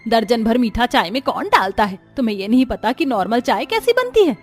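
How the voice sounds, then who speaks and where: A woman's voice: fairly high pitch, big pitch swings, a little fast, soft background music. A woman voicing a stern older mother-in-law who scolds and curses her daughter-in-law. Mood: scolding. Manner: scolding, cursing outbursts. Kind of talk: dubbed cartoon story voice.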